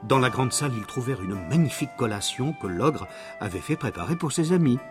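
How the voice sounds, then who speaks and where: Male storyteller, lively fairy-tale reading, music bed underneath. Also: medium pitch, a little fast. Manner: expressive, dramatic storybook reading. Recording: narration over background music.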